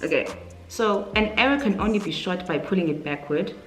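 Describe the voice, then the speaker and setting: A twenty-nine-year-old South African YouTuber and vlogger chats casually in a question-and-answer vlog, thinking aloud as she goes. Her medium-pitched voice is expressive and a little fast. The room echoes, with faint music underneath.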